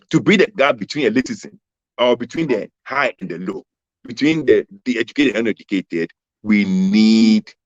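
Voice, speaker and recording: A man's voice: fairly low pitch, no room sound. Ghanaian man, fifties, candidate on a freezing video call, emphatic, repeats himself, dull dry sound. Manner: emphatic, repeats key phrases. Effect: video call audio that keeps freezing and cutting out. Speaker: political candidate being interviewed. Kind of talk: remote interview answers.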